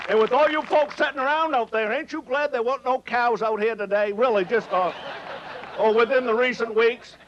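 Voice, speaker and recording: Male stage humorist with a Maine accent: high voice, folksy and teasing yarn-spinner, slightly muffled sound. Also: noisy background. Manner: folksy, rustic dialect, teasing the audience. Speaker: humorist telling stories on stage. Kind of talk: live comic storytelling. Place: on stage before an audience.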